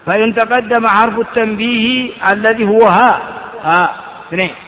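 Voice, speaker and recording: Speaking at a normal speed in a high voice, a man comments on a grammar text for his class, first reading it out and then unpacking it with rhetorical questions. The lecture hall recording is muffled and echoey.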